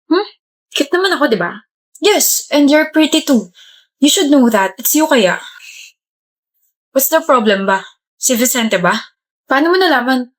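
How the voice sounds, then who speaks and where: A woman's voice: a little high, a bit bright. A woman acting out scripted POV comedy skits, switching between playful characters. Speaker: comedy skit creator.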